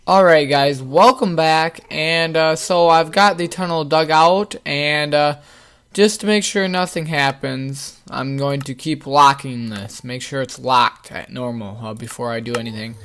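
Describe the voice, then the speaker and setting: His voice giving out, a young gaming host rambles through a casual Let's Play full of filler words. The voice is on the high side, fairly even in intonation, a little slow, a bit bright, and smooth.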